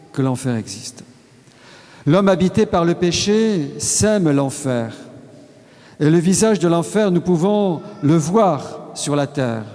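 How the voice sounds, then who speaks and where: A man delivers a solemn sermon at a very unhurried pace, leaving pauses between short phrases. His voice sits a little high but sounds dark and mellow. A long reverb trails after his words, with faint music underneath. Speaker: preacher.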